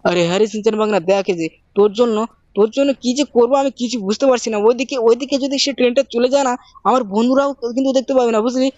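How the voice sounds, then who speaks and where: Woman gamer host, fast bossy banter, slightly high, close dry mic. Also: darkish tone, no room sound, highs cut off. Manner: rapid, bossy uncle-style banter. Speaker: gaming channel host. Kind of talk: game role-play commentary.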